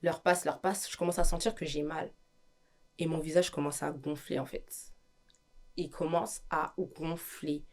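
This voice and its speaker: A woman's voice: low voice, measured pace. A woman with a French accent, a guest giving an emotional testimony, acting out the lines of the people in her story. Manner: animated storytelling, acts out quoted dialogue.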